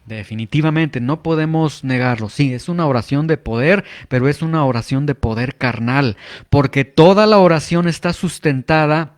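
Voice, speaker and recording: Man, preacher, sermon teaching, fairly high voice, halting with fillers. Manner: explanatory, with frequent filler pauses and imitated prayers.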